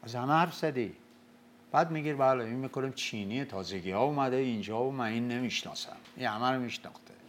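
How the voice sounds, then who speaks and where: An older man from Mazandaran, telling and explaining old epic tales in a relaxed talk. He recites lines of verse slowly and loudly, then goes back to plain speech. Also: mid-range voice, a little hiss or hum. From Mazandaran, Iran. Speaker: storyteller discussing the Shahnameh. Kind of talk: casual lecture-style talk.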